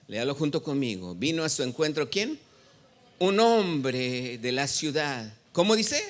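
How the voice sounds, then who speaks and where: A man's voice: mid-range voice, fairly bright tone. A male pastor preaching a sermon in a church, reading scripture and quizzing the congregation with call-and-response questions. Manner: reads scripture aloud and expounds it. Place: church sanctuary.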